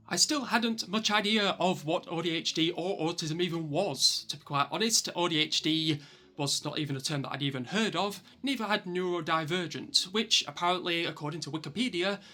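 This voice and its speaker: A man's voice: fairly high pitch, sharp tone. A man in his thirties with a broad Yorkshire accent narrates a personal vlog to viewers, with wry, self-deprecating asides. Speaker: YouTube vlogger.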